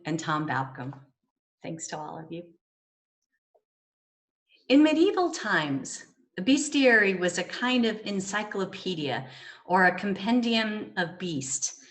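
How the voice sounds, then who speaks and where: A woman minister giving a sermon in a measured, gently wry way. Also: on the low side.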